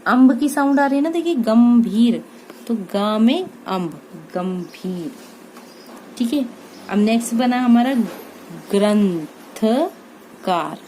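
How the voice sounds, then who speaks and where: Indian woman, shorthand teacher, soft mellow voice, slightly high, faint background hiss. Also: animated, rough recording. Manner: slow and deliberate, spelling out words sound by sound, frequent "ठीक है" checks. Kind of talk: step-by-step tutorial.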